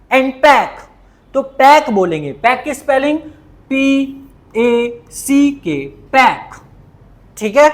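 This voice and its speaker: Slow-paced man drilling a lesson. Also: very high voice. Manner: slow, repetitive drilling with frequent questions to students. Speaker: shorthand teacher. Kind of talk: classroom lesson.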